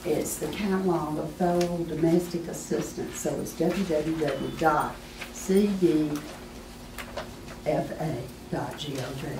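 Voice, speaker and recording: A woman presenting to an audience as a small business adviser, folksy and emphatic, her voice hoarse as she keeps clearing her throat. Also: low-pitched, unhurried, noisy background. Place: meeting room with an audience. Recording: echoey room from far off.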